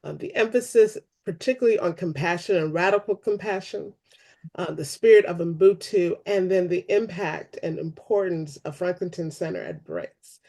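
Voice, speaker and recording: A woman hosting a church discussion, speaking unscripted closing remarks in an earnest, appreciative and measured manner. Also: lowish voice, mellow. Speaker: host of a church webinar.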